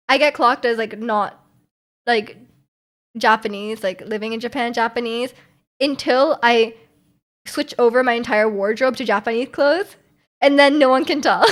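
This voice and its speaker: A Canadian woman chats casually on a stream, reading viewer messages aloud and laughing often. Her speech is peppered with "like" and quick bursts of laughter, and her voice is slightly high.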